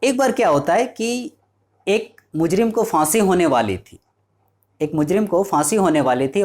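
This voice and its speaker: A man's voice: fairly high pitch, darkish tone. A male teacher giving a lecture. He explains each point step by step and keeps checking in with his students. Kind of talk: classroom lecture.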